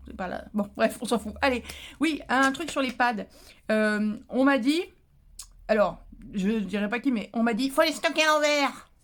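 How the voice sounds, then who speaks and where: A woman vlogger chatting casually about crafting, talkative and lively, with many fillers, restarts and playful indignant asides. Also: on the high side, normal speed.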